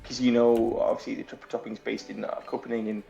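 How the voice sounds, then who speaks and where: A man's voice: mid-range voice, level tone, quick pace, vocal fry, warm tone, lo-fi sound, soft background music. A Scottish man, a game developer guest, chatting casually in a rambling way, full of restarts and easy laughter. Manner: rambling, many fillers and restarts, laughs easily. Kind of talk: casual chat.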